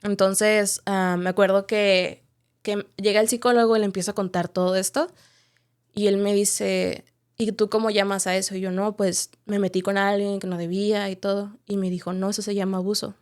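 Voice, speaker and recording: A woman's voice: mid-range voice, level tone, moderate pace, a little mellow, clean tone. A woman, a podcast guest giving a candid, reflective personal testimony, often ending her thoughts with a questioning "right?". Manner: candid, reflective storytelling with frequent tag questions.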